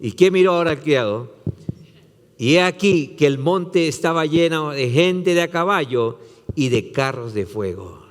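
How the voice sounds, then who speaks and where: Animated pastor, church reverb. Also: male voice, a little high, measured pace. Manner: retells scripture with dramatic voicing and repetition. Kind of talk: sermon.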